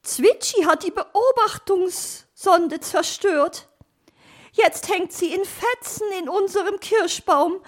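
A woman voicing a fussy, easily frightened female magpie in a children's audio story, indignant and shrill. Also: slow pace.

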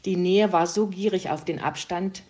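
A woman calmly reading a German story aloud to listeners. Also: lowish voice, moderate pace. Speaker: reader.

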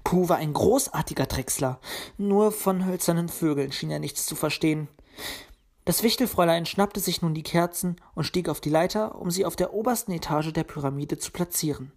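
A woman narrating a children's storybook in a calm, even storytelling manner. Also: on the low side, normal speed. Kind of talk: storybook reading.

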